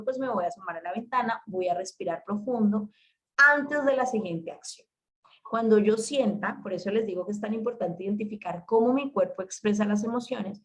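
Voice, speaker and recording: A woman, a parenting educator giving a talk to parents in an emphatic, animated way, speaking directly to her listeners. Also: a little high.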